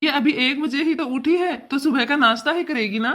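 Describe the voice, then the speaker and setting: Woman voicing a joking cartoon son-in-law, deadpan, teasing, high. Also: fairly quick. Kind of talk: cartoon dubbing.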